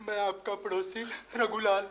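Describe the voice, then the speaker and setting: An actor playing a tearful, lovesick neighbour in a sitcom, pleading in a whiny voice. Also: male voice, sits high, level tone, moderate pace, a bit bright. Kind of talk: sitcom acting.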